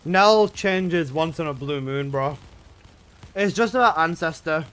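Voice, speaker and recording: A young man banters with his live chat while he plays. His slangy, laid-back talk sits in a slightly higher register, and he is recorded from his room at home. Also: animated, a little slow, a bit bright. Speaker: gaming livestreamer. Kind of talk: casual live-stream chat.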